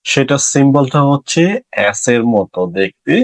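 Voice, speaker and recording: A man with a Bengali accent teaching English pronunciation, saying each example word slowly and repeating it. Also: medium pitch. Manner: slow, drawn-out repetition of each word. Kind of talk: pronunciation lesson.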